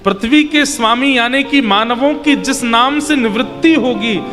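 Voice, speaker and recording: A man delivers a devotional sermon in a high, bright register, shifting his tone to act out the story's voices and pressing home his points with repeated phrases. His voice rings with long hall reverb, and loud devotional music plays beneath him. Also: measured pace. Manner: acts out child and mother voices in the story, lively. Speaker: Bhagavat katha preacher.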